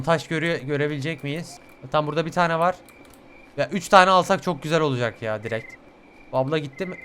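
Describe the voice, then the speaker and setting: Young male let's-player, high clear voice, foul-mouthed, yells at jumpscares. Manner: swears a lot, yells and shrieks at jumpscares. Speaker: gaming YouTuber. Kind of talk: let's play commentary.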